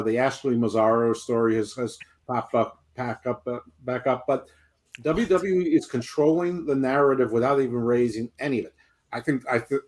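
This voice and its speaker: A man in his fifties, co-hosting a casual wrestling chat show, rambling and joking as he goes. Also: medium pitch. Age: 50s. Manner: rambling, jokey, self-interrupting. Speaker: podcast co-host.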